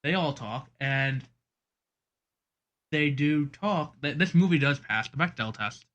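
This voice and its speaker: A man's voice: medium pitch, lively intonation, moderate pace, fairly bright tone. A man co-hosting a casual movie podcast, rambling with many ums and getting exasperated. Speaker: podcast co-host. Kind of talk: casual chat.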